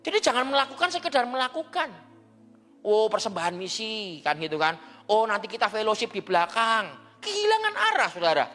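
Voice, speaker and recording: A lively preacher whose pitch leaps and falls as the sermon moves from loud exclamations to soft asides, speaking straight to the congregation with quick restarts. The voice rings through a large church hall with a long tail of reverb, and soft music sits underneath. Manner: addresses the congregation directly, frequent restarts.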